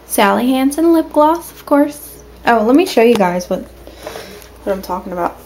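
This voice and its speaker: A woman's voice: fairly high pitch, lively intonation, normal speed, darkish tone, slight background noise, rough recording. A woman vlogging from home in a casual, rambling way, with lots of ums and restarts. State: has the hiccups. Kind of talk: casual vlog chat. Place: at home, indoors.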